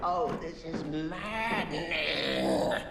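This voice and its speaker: An actor playing a pompous, giddy mad inventor villain in a video game, theatrical and overly formal, swinging between fussy and manic. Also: male voice, fairly high pitch, expressive, very slow, gravelly, echoey room, big-room sound, heavy background noise, heavily acted. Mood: exasperated, gleeful.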